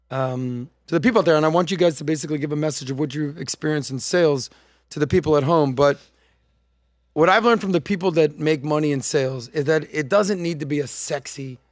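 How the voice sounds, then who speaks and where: A man in his forties hosting a podcast in a studio, chatting casually and acting out quoted voices with lively gestures. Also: fairly high pitch, brisk, no room sound. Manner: animated storytelling, acts out quoted voices. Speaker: podcast host. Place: studio set. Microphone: studio mic on boom arm.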